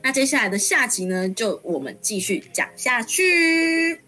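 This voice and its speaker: A woman's voice: a little high, big pitch swings, bright, forceful tone, soft background music. A woman hosting a podcast, chatting casually and teasing her co-host. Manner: teasing, quick interjections. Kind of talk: casual chat.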